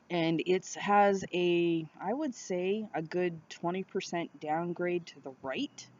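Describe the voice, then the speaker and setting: A woman's voice: lowish voice, darkish tone, a little hiss or hum. Woman vlogging, dull lo-fi sound. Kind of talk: casual vlog monologue. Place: outdoors on a windy day. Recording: dull, lo-fi outdoor recording.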